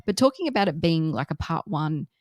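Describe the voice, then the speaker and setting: A woman co-hosting a podcast, chatting casually about a film she reviews, laughing easily and thinking out loud. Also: deep voice, very animated, brisk, no echo, clean studio sound. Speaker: podcast co-host.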